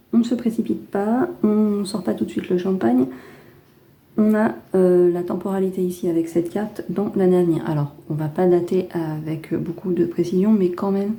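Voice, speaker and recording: A French woman giving a casual tarot reading, chatty and gentle, with many fillers and restarts. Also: mid-range voice. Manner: gentle, reassuring advice. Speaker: tarot card reader.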